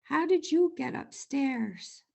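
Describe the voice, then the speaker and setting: A woman's voice: sits high, lively intonation, slow pace, vocal fry, a little mellow, pitched above the performer's own voice, heavily acted. A woman voicing a puzzled, kindly male night watchman in a storybook, exclaiming and questioning. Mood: surprised, friendly.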